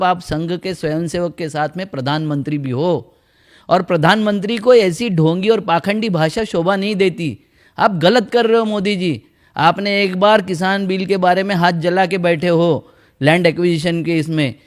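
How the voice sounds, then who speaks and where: Fiery high-voiced man, farmers' union leader. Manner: fiery, accusing, addresses the listener directly. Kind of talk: impassioned political speech to camera.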